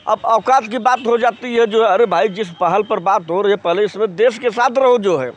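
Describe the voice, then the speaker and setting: A man's voice: sits high, moderate pace, lo-fi sound. A man in a street interview, talking emphatically and often repeating the same filler phrase. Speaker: passerby giving opinion. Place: outdoors on a city street.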